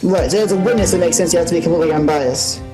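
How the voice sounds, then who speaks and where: A man co-commentating a game in a casual, joking chat with quick asides. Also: on the high side. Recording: game music behind.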